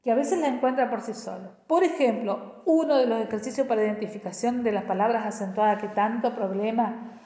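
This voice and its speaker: A woman's voice: fairly high pitch, fairly quick, mellow. A woman educational psychologist explaining learning strategies step by step, often checking in with her listeners. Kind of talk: explanatory teaching talk. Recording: echoey room with long reverb.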